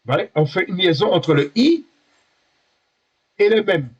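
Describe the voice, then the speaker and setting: A man with a slightly husky voice, pitched a little high, teaches a beginner Hebrew class. He talks haltingly, often repeating and correcting himself, and keeps checking that his students follow. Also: animated, muffled recording. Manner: patient, checks students understand.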